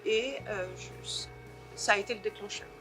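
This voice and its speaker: Thoughtful woman novelist with music behind. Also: medium pitch. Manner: thoughtful, pauses to search for words. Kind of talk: interview answers.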